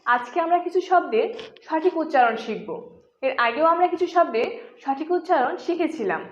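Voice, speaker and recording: A woman teaching English pronunciation in a scripted lesson, repeating each example word slowly and deliberately. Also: high voice, animated. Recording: echoey room, dull lo-fi sound.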